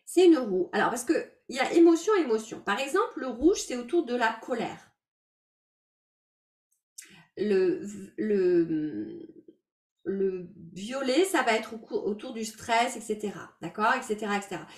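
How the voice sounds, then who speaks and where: A woman working as a life coach, teaching an online workshop in an explanatory, gentle way with many filler words, heard over a video call. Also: fairly high pitch, lively intonation, a little slow, recorded from a distance. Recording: roomy sound from away from the mic.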